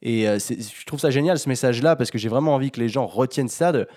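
A man's voice: medium pitch, fast, darkish tone. A man hosting a casual interview, enthusiastic and reflective, slipping in English phrases. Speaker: host.

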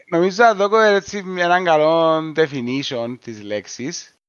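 A man with a Cypriot Greek accent, co-hosting a podcast in a measured, explanatory casual discussion. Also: a little high, clear, resonant tone, no room sound, dull audio. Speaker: podcast co-host.

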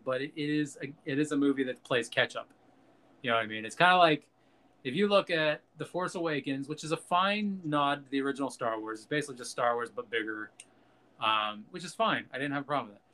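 A man's voice: medium pitch, lively intonation, brisk, bright, forceful tone. A man co-hosting a casual film chat, talking loosely and profanely and laughing at his own jokes.

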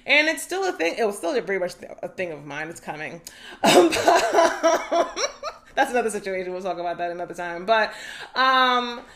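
A woman in her thirties hosting a casual solo podcast, animated and profane, laughing often and turning to spiritual reflections. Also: mid-range voice, moderate pace. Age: 30s. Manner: spiritual, preachy asides. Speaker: podcast host.

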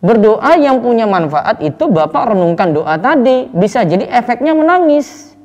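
Male religious teacher, casual Q&A, animated intonation, reverb-heavy sound. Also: very high-pitched, moderate pace. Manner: explains with everyday examples, keeps addressing the asker. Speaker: religious teacher answering questions. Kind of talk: casual explanatory Q&A.

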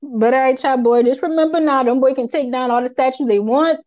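Casting: female podcast co-host, Charleston Gullah Geechee accent, raised pitch, emphatic colloquial talk, close and dry but dull recording. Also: fairly quick, a little mellow, no echo. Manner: emphatic repetition, colloquial, unfiltered swearing. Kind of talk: casual opinionated chat.

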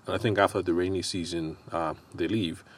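A man with a Nigerian accent hosting a solo podcast in a casual, explanatory way, often pausing hesitantly as he thinks aloud. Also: low-pitched, fairly even intonation. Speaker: podcast host.

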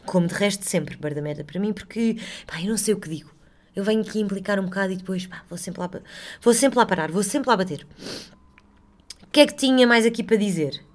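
A woman's voice: mid-range voice, quick pace. A woman with a European Portuguese accent hosting a casual solo podcast, rambling and chatty, swearing freely and poking fun at herself. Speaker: podcast host.

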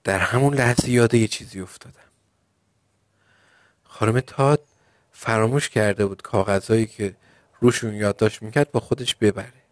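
A man reading a children's storybook aloud in the first person, with a Persian accent and a lively, playful delivery. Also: on the low side, no room sound, clean studio sound. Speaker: narrator.

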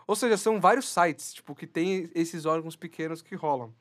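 A man's voice: on the high side, fairly quick, fairly bright tone. A Brazilian man co-hosting a podcast, rambling and stammering through jokey news chat. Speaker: podcast co-host. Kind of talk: casual comedic news chat.

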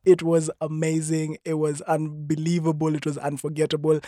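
A Kenyan man who acts in film, speaking in a lively, joking way in an interview. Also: on the high side, normal speed, no room sound. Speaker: film actor. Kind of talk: casual interview.

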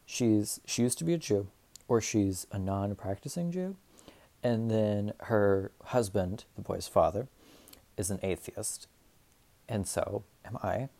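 Rambling, profane young man with a low voice. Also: slow pace, gravelly, dark tone. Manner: rambling, profane, self-deprecating. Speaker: podcast host. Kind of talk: casual solo monologue.

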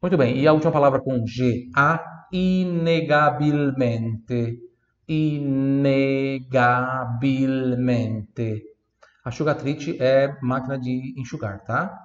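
A man teaches pronunciation in a patient, repetitive way, slowing down to spell each word letter by letter. His voice sits at an everyday middle pitch. The room echoes around him, and the recording sounds a little dull. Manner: patient, drills words slowly, spells letter by letter, frequent "né" and "tá". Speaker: Italian teacher. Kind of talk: online language lesson. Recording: roomy, slightly dull sound.

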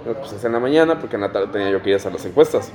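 A man's voice: lowish voice, expressive, very fast, a crowd in the background. A man with a Mexican Spanish accent, casually telling a long complaint story in a podcast chat. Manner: storytelling, complaining with swearing and laughs. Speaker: podcast host.

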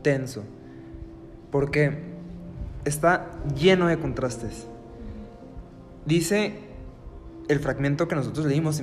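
A man's voice: on the high side, a little mellow, in a large hall. A man leading a podcast Bible reflection, talking earnestly and with feeling. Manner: earnest and emotive, acting out quotes in a trembling plea. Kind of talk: reflective religious talk.

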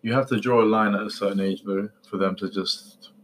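A man's voice: lowish voice, steady tone, a little fast, slight background noise. A young man with a London roadman accent, talking casually with friends. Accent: London, urban street slang. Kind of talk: casual group chat.

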